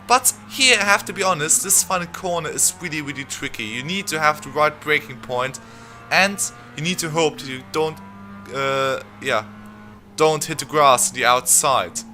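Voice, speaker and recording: A young man, not a native English speaker, giving fast, rambling commentary over his own racing game footage. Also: fairly high pitch, sharp tone, soft background music. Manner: fast, rambling, chatty with many fillers. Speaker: sim racing channel host.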